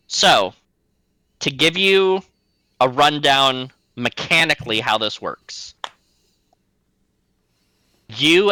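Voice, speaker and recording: A man acting as game master, narrating and explaining rules clearly. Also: mid-range voice, pushed and bright, no room sound, rough recording.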